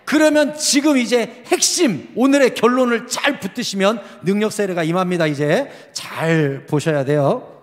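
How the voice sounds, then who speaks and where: Male pastor, high voice, animated revival preaching, church hall with long reverb. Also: normal speed. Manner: animated, acts out quoted voices. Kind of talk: revival sermon with storytelling. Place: church sanctuary.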